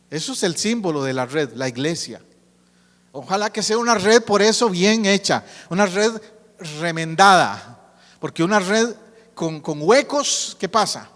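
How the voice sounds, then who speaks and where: A man's voice: high voice, fairly bright tone. A man preaching a sermon as a pastor. He teaches and keeps asking the congregation questions. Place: church sanctuary. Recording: church hall with long reverb.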